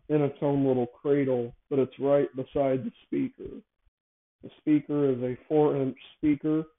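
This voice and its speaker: This casual improvised monologue comes from a show host, a man with a mid-range voice describing a device idea. His delivery is halting, full of self-corrections and repeated wording, and the recording is narrow and phone-like.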